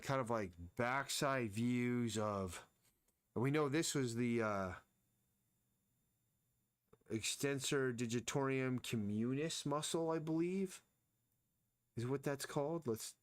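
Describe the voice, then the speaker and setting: A man's voice: medium pitch, expressive, measured pace, dry recording. A man casually thinking aloud as he sketches and explains anatomy during a live drawing stream. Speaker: artist streaming his drawing.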